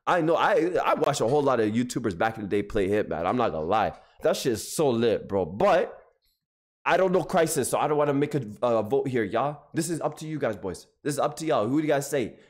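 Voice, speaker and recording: A man's voice: mid-range voice, a little fast. A young man streaming live, chatting casually with his viewers and repeating himself as he reacts. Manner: animated, talks to chat, repeats himself.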